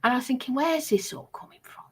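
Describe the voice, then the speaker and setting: A British woman streamer talks casually and unscripted on a livestream, sounding defensive and insistent. Her voice is high, slightly rough and quick.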